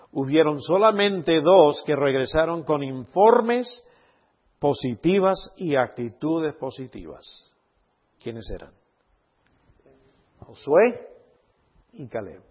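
A man's voice: medium pitch, breathy edge, muffled recording. A man speaking as a pastor in a Bible study sermon, emphatic, posing rhetorical questions and checking in with his listeners.

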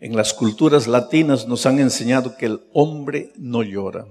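A man's voice: mid-range voice, normal speed, a little mellow. A middle-aged man, a pastor, preaching a sermon as an impassioned storyteller at a youth congress. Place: large hall at a youth congress. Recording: long hall reverb.

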